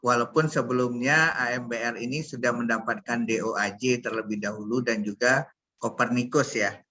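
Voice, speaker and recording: A man's voice: medium pitch, fairly even intonation, normal speed, sharp tone. A man giving an online workshop talk over a video call, hesitant, with frequent fillers. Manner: hesitant, many fillers, addresses audience as Bapak dan Ibu. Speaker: speaker presenting on literature review.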